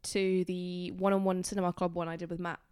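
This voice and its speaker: A woman's voice: fairly low pitch, little pitch movement, brisk, a little mellow, clean tone, no room sound, clean studio sound. A woman co-hosting a podcast, chatting playfully with lots of fillers. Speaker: podcast co-host. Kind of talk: casual chat.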